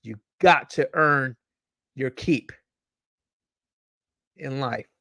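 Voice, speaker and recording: Young guy podcaster ranting, gravelly voice, trips over his words, dry close sound. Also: medium pitch, extremely slow, bright, forceful tone, dry recording. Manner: stumbling, repeats words, swears, gets heated. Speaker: podcast host. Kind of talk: casual ranting commentary, reading news aloud.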